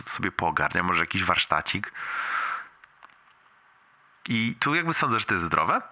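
A man's voice: sits low, pushed and bright. A young man leaving a casual, rambling, sweary voicemail for a friend, amused and wincing in pain as he talks. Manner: rambling, colloquial, heavily sweary storytelling.

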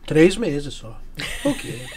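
A woman's voice: sits low, very animated, takes it slowly, mellow. A woman from São hosting a podcast, dropping teasing, joking comments into the chat. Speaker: podcast host. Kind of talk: casual chat.

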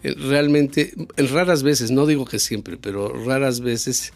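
A man's voice: mid-range voice, measured pace, darkish tone. A man with a Mexican accent co-hosting a casual Spanish lesson podcast, explaining expressions with frequent "este" fillers. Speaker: podcast co-host and Spanish tutor.

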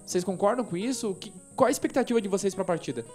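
A host steers a casual football debate and puts questions to the panel. The voice sits at a middle pitch. Faint music plays behind. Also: lively intonation, fast talker, darkish tone. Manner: leading, putting questions to panelists.

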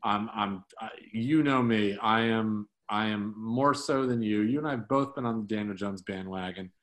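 A man's voice: on the low side, moderate pace, fairly bright tone. A man co-hosting a sports podcast, talking casually about football with many fillers and restarts.

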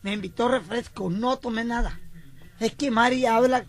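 Guy doing a super squeaky jealous fiancé, whiny and stubborn, radio comedy bit. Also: moderate pace. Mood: sulking. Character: touchy, jealous middle-aged male fiancé. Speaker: comic radio character.

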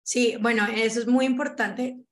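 A woman's voice: a little high, steady tone, normal speed. Earnest woman explaining parenting. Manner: earnest, explanatory, acts out parents' quoted lines. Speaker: guest on parenting. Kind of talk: conversational interview answers.

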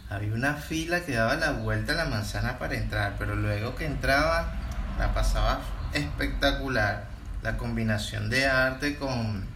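A man's voice: medium pitch, moderate pace, bright, forceful tone. Man in an echoey room. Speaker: podcast co-host. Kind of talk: casual travel podcast chat. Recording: echoey room, faint background noise.

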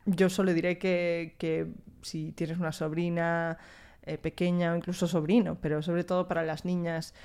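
A woman's voice: lowish voice, flat delivery, normal speed, a little mellow, clear, resonant tone. A young woman with a Spain Spanish accent, hosting a casual podcast monologue in a chatty, slangy, mildly profane way. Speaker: podcast host.

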